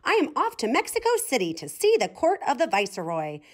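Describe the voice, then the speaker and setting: A woman voicing a vain, brisk young male chicken in a storybook, in a singsong declaiming way. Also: on the high side, wildly swooping pitch. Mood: brisk, self-important.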